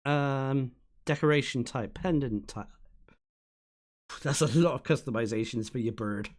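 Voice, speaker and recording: Measured in pace and medium in pitch, this streamer's voice has a darkish tone and is going hoarse as he reacts to a game showcase. He chats casually, rambling with fillers and laughter, over the showcase music in the background.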